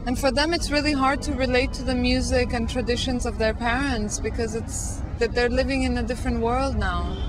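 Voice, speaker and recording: A woman's voice: on the high side, background noise. A woman musician born in Iran, answering interview questions thoughtfully and sometimes searching for words. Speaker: musician, band member. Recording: music playing behind.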